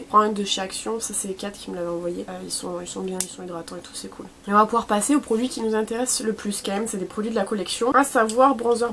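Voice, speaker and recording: A young beauty vlogger with a mid-range voice chats casually through a makeup tutorial while sniffly from a cold. She fills her talk with fillers and self-corrections, and the recording has a little hiss or hum.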